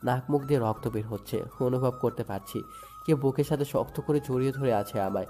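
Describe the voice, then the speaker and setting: A man's voice: medium pitch, brisk, mellow, faint music behind. A man narrating a first-person dramatic story in a sorrowful, emotive way. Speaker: narrator and lead voice.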